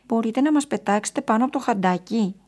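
Woman voicing high, loud, whiny boastful cake count for a storybook. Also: expressive. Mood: whining. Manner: whiny and shrill. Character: boastful, spiteful male count made of honey cake.

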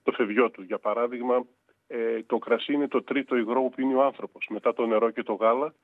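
Male winemaker guest, reflective and halting, phone-line sound, dry. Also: mid-range voice, fairly even intonation, no room sound. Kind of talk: radio interview.

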